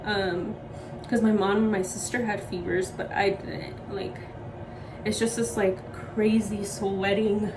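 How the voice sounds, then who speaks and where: A woman's voice: medium pitch, flat delivery, slow pace, far from the mic, background noise. Breathless young woman vlogging while sick. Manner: rambling, heavy use of "like" and "um". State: short of breath, sore throat from illness. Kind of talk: casual chat to camera. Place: at home.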